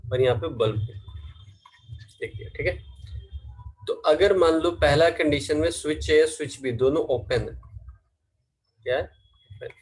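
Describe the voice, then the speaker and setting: A male teacher with a husky, slightly breathy voice lectures at a middle pitch. He quizzes his students and answers his own questions, and he slows right down to dictate definitions. Faint clicking sounds come through behind him. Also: rough recording. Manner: asks students questions and answers them himself; mixes Hindi with English terms. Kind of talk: classroom lecture.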